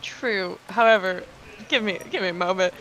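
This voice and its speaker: A woman's voice: mid-range voice, normal speed, a bit bright, low-quality recording. A woman player in a casual tabletop game, talking bluntly and swearing freely.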